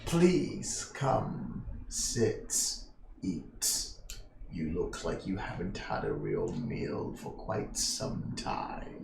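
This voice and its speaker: A man voicing a weary, sly old male hermit who plays the host, speaking low, hushed and courtly. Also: wildly swooping pitch, extremely slow, gravelly, exaggerated voice. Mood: welcoming. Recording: echoey room with background noise.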